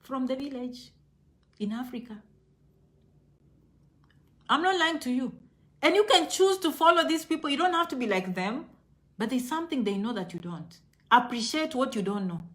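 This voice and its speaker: A woman with a Kenyan accent hosts an online video, speaking directly to her viewers in a casual motivational vlog. Her fairly high voice is very bright, forceful, and expressive at a normal speed, with long pauses, and she emphatically repeats short phrases to drive her point home.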